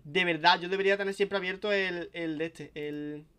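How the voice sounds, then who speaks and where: A young man streams and chats on and on. His voice sits somewhat high for a man, and his sentences restart often and carry casual swearing. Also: fairly even intonation, moderate pace, a bit bright, clean tone. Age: young adult. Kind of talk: casual live-stream chat.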